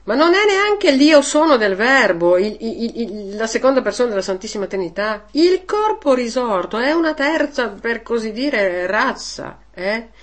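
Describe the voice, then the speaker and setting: A woman's voice: fairly high pitch, big pitch swings, measured pace, hardly any pauses. Woman catechist tagging lines with "eh?". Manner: conversational, frequent rhetorical "eh?" tags; hesitant restarts. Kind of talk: informal religious teaching.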